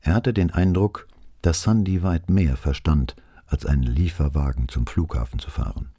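A man narrating an audiobook with expressive storytelling, close to the mic. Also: extremely low pitch, moderate pace, husky, dry recording. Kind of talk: scripted narration.

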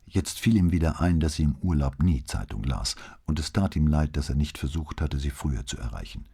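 A man narrating an audiobook in an expressive, measured reading. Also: a bass voice, husky. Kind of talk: scripted narration.

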